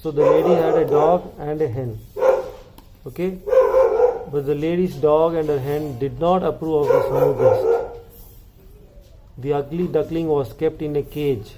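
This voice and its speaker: A man telling a children's story to his kids, animated and stopping to ask them questions. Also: fairly high pitch, a little slow, pauses often, heavy background noise. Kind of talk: bedtime storytelling.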